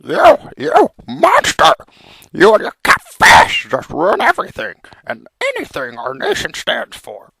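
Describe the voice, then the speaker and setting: A man voicing a melodramatic, vengeful frog hero in theatrical comic storytelling, with a gravelly cartoon-like voice. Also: fairly high pitch, huge pitch swings, moderate pace, hardly any pauses, bright, forceful tone, no echo, exaggerated voice. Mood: outraged. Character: melodramatic, vengeful male frog hero telling his journey.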